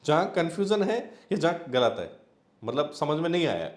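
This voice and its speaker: A man coaching students for an exam, explaining step by step in a loose conversational way with many examples and fillers. His voice sits a little higher than most men's. The room gives his voice a noticeable echo. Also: big pitch swings, normal speed. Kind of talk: explanatory exam-prep talk.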